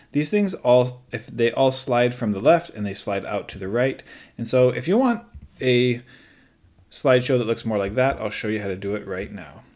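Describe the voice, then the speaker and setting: A teacher with a mid-range voice calmly guides viewers step by step through a screen-recorded software tutorial, dropping in light jokes along the way.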